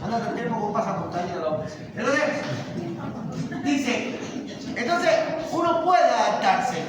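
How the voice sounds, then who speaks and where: Cuban-born male teacher, high voice, emphatic lecturing full of rhetorical questions; distant, very echoey classroom recording with noise. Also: very animated, unhurried. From Cuba.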